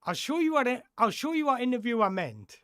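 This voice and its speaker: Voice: mid-range voice, very animated, brisk, a bit bright, clear, resonant tone, dry recording, studio quality. A live-stream football host chatting casually through viewer questions, rambling and correcting themself as they go.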